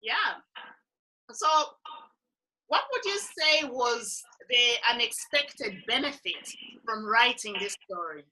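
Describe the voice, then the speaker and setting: A woman hosts an interview, asking encouraging questions in a friendly way. Her voice is very bright and sharp and sits a little high. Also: expressive, slow, rough recording. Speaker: interviewer and host. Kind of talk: hosting an interview.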